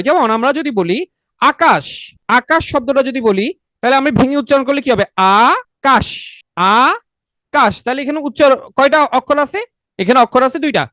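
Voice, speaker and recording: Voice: sits high, fairly bright tone, no echo. A teacher gives an online exam-prep lesson, asking questions and answering them, often checking with "okay?". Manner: repetitive and coaxing, often adds a checking "okay?".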